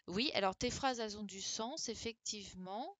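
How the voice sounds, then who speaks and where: A woman teacher correcting a dictation live for her pupils, patient and encouraging, reading words out slowly. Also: medium pitch, fairly bright tone, dry recording. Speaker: primary school teacher.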